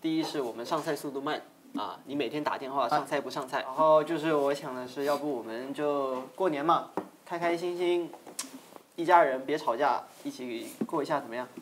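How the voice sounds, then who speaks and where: Man playing a rambling restaurant dad in a skit, quick delivery, background noise and clicks. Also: on the high side, natural voice. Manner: rambling, fast family-meeting talk. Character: worried father of a struggling restaurant. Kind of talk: comedy skit role-play.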